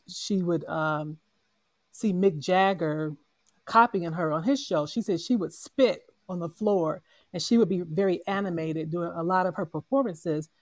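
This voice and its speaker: A woman's voice: deep voice, dry recording. A woman speaking as a panel guest in a casual online audio room, making her case earnestly and growing impassioned. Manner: earnest, building into impassioned argument.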